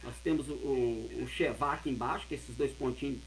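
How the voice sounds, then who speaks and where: A man teaching a lesson, explaining and repeating words slowly and carefully. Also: medium pitch, fairly even intonation, a little hiss or hum, low-quality recording. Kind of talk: explaining Hebrew words of a Bible verse.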